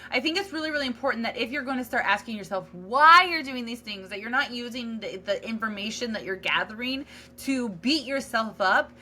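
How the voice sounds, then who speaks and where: A woman's voice: a little high, lively intonation, fairly quick, sharp tone, slight background noise. A woman hosting a solo podcast, talking in a candid, earnest, self-reflective way with casual fillers and restarts. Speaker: podcast host.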